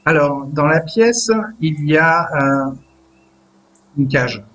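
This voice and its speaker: A man running a tabletop role-playing game as game master, describing scenes slowly with frequent hesitations. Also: fairly high pitch, lively intonation, a bit bright, muffled recording, slight background noise. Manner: descriptive, hesitant with many "euh"s.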